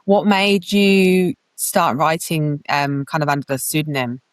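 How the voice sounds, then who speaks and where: A woman's voice: deep voice, fairly even intonation, unhurried, no echo. A woman hosting a podcast interview, upbeat and encouraging, hedging often with "kind of". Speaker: podcast host.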